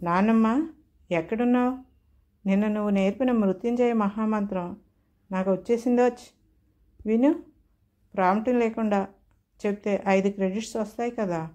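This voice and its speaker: A woman's voice: mid-range voice, moderate pace, pauses often, mellow, lightly acted. A woman voicing a little boy who is tearful and worried about his parents. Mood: childlike tearful. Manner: sobbing childlike pleading.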